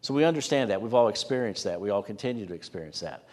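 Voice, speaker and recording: A man preaching a sermon as pastor, earnest and plain-spoken, often dropping to a hushed voice for emphasis. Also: lowish voice, expressive, quick pace. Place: church sanctuary. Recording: preached in a reverberant church sanctuary.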